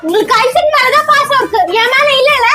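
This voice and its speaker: Super high whiny jealous girl, woman doing her in a comedy skit, loud music playing behind. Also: a little fast. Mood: pleading. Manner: whiny, pleading, complaining. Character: sulky jealous girl Monika, feels unloved. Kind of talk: comedy sketch acting. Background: loud background music.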